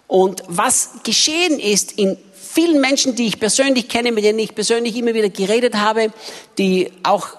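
A woman interpreting a sermon in the first person, with an emphatic, expressive storytelling manner. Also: fairly high pitch, moderate pace. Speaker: interpreter for a preacher. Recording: echoey hall reverb.

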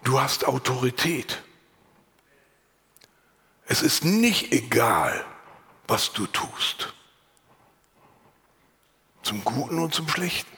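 Husky-voiced man preaching a sermon. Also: mid-range voice, expressive, slow, pauses often, sharp tone, long reverb tail. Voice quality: unusual voice he remarks on himself. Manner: earnest, varied, drops to whispers and rises for emphasis. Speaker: pastor. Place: church.

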